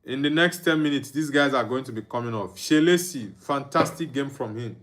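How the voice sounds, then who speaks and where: A young Nigerian man with a medium-pitched, brisk, slightly bright voice hosts a live football watchalong. He chats casually, reads viewer comments aloud, chuckles, and hums and sings under his breath.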